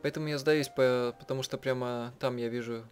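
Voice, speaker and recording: Steady in tone and medium in pitch, a gamer works through a visual novel, translating and voicing it on the fly with casual remarks. His speech halts often as he reworks sentences partway through, and game music runs in the background.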